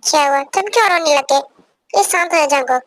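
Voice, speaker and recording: A woman's voice: sits high, normal speed, dry recording, lightly acted. A young woman voicing a possessive, domineering young husband who gives orders in an amateur fan dub. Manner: commanding, repeats orders.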